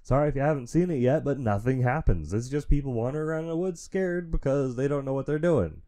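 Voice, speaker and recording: This man's naturally deep, mellow voice moves at a quick pace as he hosts his own show at home. It's a casual solo chat: sick and stuffy, he rambles frankly into a studio mic connected via an audio interface, chuckling often.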